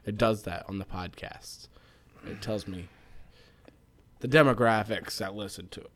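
A man's voice: fairly low pitch, unhurried, fairly bright tone, slight background noise. A man co-hosting a podcast in casual chat, rambling through crude riffs with many fillers. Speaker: podcast co-host.

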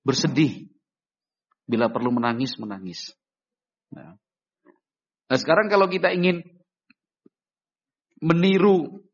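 A man preaching an Islamic sermon in an animated way, acting out short dialogues in a raised voice. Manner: animated, acts out little dialogues with raised pitch. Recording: dull lo-fi recording.

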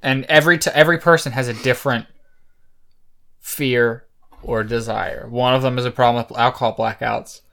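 A man joking loudly in a casual chat with friends. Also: mid-range voice, fairly even intonation, normal speed, creaky.

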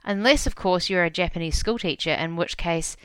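Clear-voiced New Zealand woman. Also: lowish voice, brisk, no echo. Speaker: podcast co-host. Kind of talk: casual movie review chat.

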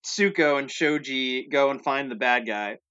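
A man's voice: mid-range voice, unhurried, sharp tone, clean tone, dull audio. A man in casual chat, rambling through ideas, laughing often and acting out little bits.

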